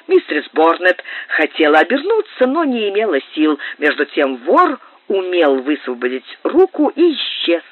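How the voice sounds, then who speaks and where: A man reads an audiobook aloud in a theatrical manner, his pitch rising and falling. His voice sits a little high. The recording is dry and muffled, like old radio. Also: wildly swooping pitch, moderate pace, dry recording. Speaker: audiobook narrator. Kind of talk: scripted audiobook narration. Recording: dull, dry lo-fi sound.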